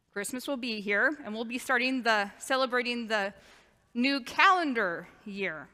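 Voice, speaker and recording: A woman's voice: a little high, sharp tone. A woman pastor giving a sermon in plain, explanatory language in a large church. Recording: reverberant church hall.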